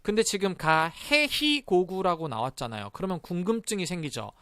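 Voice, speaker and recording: A man in his thirties teaching Spanish pronunciation in a live online lesson, leading the class in repeat-after-me drills and sounding syllables out slowly. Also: high voice, big pitch swings, dry recording, studio quality. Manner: leads repeat-after-me drills with a cheerful call of "start".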